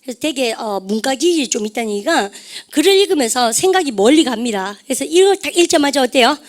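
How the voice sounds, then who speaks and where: A woman teaching English vocabulary to a class, lively and chatty, often calling out to her students and drilling English words aloud. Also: high voice, fast talker. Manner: lively, repeats "여러분들", asks the class questions; refers to herself as "쌤". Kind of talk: lecture to a class.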